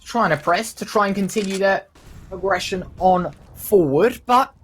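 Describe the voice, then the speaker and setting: A man's voice: high voice, normal speed, husky. A man doing esports caster play-by-play commentary with dramatic, emphatic phrasing. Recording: background noise, game gunfire and clicks.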